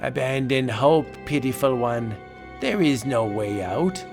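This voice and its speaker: A man voicing a gloating spirit guard who mocks with drawn-out, theatrical relish, in a vintage horror comic book narration. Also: medium pitch, gravelly, over music. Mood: taunting. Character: gloating, mocking male spirit guard of death's maze.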